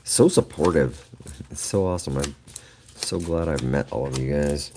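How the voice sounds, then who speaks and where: A middle-aged man, his bass voice lower than usual from allergies, hosts a livestream at normal speed, chatting casually, rambling and laughing often with viewers. Background noise can be heard.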